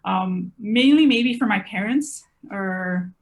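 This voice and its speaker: A woman's voice: medium pitch, slow pace. Chatty young woman podcast guest. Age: 20s. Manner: chatty, rambling, many "like" fillers. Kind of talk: casual conversation.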